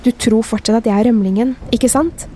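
Calm taunting young man, read by a woman, mellow high-ish voice, horror podcast story. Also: husky.

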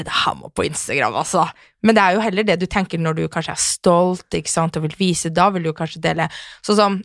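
Chatty woman co-host, lively storyteller, dry close sound. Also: dry recording. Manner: animated, acts out quarrels in a shrill voice. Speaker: podcast co-host. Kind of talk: casual chat.

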